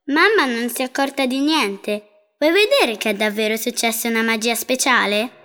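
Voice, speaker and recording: A woman's voice: on the high side, normal speed, bright, forceful tone. A woman voicing a bored little girl who whines and pleads, in a storybook reading with music behind. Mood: wondering. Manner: whiny, pleading.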